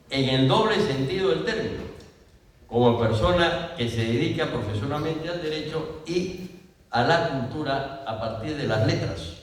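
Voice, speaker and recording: An older Peruvian man delivers a formal tribute at a ceremony, speaking slowly and deliberately and pausing to correct himself. His voice rings through a large, echoing auditorium, caught by a microphone some distance away. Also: mid-range voice, slight background noise. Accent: Peruvian Spanish. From Peru. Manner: measured, with self-corrections and asides. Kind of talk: formal laudatory speech. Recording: distant mic in a reverberant hall.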